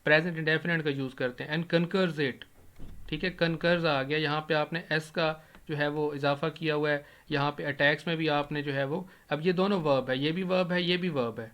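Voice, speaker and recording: Man explaining grammar at a steady pace. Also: a little high. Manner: explains step by step, asks questions and answers them himself; slows right down to spell out English examples. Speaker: English teacher. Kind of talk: screen-recorded grammar lesson.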